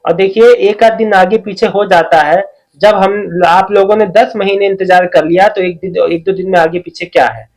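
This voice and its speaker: A man's voice: high-pitched, steady tone, normal speed, darkish tone, low-quality recording. A man hosting his own channel, chatting casually as he answers viewers' comments by name and reassures them again and again. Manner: reassuring, repeats "okay" often, addresses viewers by name. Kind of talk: casual talk reading out and replying to comments.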